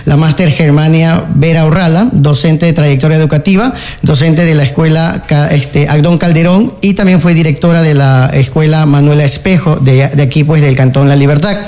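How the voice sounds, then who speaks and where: A man answers questions as a radio interview guest. His voice sits fairly high for a man. He speaks earnestly, filling pauses with fillers and restarting his phrases as he goes. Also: steady tone, a little mellow. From Ecuador. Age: 40s. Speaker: interview guest, local candidate and teacher.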